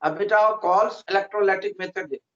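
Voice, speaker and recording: Male chemistry tutor, high and patient, over a roomy, muffled video call. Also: fairly even intonation, brisk, fairly bright tone. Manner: patient, calls students "beta" constantly. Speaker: chemistry teacher. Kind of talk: online class lesson.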